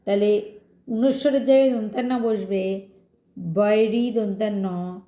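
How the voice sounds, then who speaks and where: A woman's voice: medium pitch, fairly even intonation, a little slow, dark tone, reverberant. A woman teacher giving a grammar lesson, patiently asking her students questions and working through examples.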